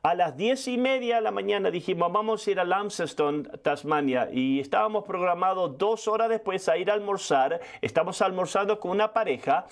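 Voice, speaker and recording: Older male preacher, high voice, rapid testimony-style sermon with restarts. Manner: fast storytelling with frequent restarts.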